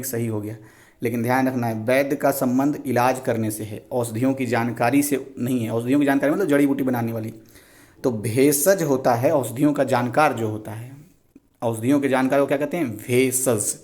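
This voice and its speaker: Patient male Hindi tutor explaining slowly. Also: medium pitch, a little mellow. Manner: explains slowly and patiently, reads out quoted sentences. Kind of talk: exam revision lesson.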